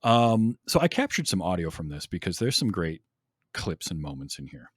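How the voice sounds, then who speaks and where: A man's voice: sits low, sing-song, normal speed, husky, dry recording, clean studio sound. A man hosting a podcast, chatting casually and enthusiastically about a film with many ums. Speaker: podcast host.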